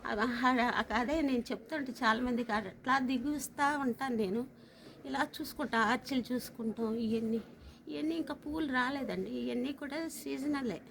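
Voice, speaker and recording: A woman's voice: sits high, gravelly, fairly bright tone. Earnest woman with an Andhra Telugu accent, noisy garden. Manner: earnest, encouraging, with pauses and restarts. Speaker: garden group member giving a speech. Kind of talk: informal speech at a garden meet. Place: home terrace garden, outdoors. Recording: noisy outdoor ambience.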